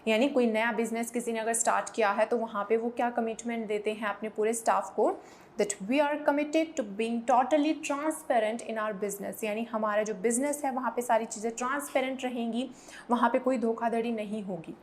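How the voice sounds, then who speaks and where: High-voiced woman teaching English vocabulary. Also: little pitch movement, a little hiss or hum. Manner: explains in Hindi, reads English examples slowly and clearly; urges viewers to repeat pronunciations aloud. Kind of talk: vocabulary lesson.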